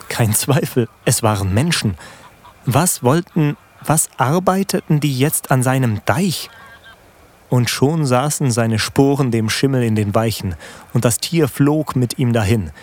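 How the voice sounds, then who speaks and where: A man reading a classic novella aloud in a measured, solemn way. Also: medium pitch, a little mellow. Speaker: narrator. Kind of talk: literary reading.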